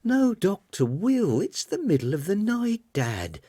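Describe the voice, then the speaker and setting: A man reading an audiobook, voicing a flustered, brisk grown daughter. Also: medium pitch, very animated, mellow, slightly rough, no echo, studio quality, pitched above the performer's own voice. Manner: flustered and hurried.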